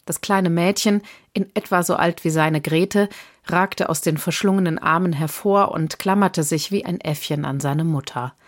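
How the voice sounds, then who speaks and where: A woman reads a novel aloud in a calm, measured storytelling voice. Her pitch sits low for a woman, giving the narration a grounded feel. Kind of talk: audiobook narration.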